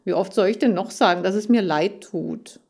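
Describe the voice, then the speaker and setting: A woman's voice: medium pitch, moderate pace, a little mellow, close to an everyday voice. A clumsy boy from an audiobook, voiced by a woman. He sounds sheepish and slightly defensive. The voice is kept near the reader's own.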